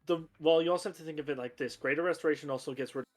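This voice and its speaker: A man's voice: fairly high pitch, racing, dry recording, faint music behind. Man whose call voice keeps cutting out. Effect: voice cutting in and out over an online call. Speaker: tabletop game player. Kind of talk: casual rules debate during a tabletop game. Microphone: online voice chat.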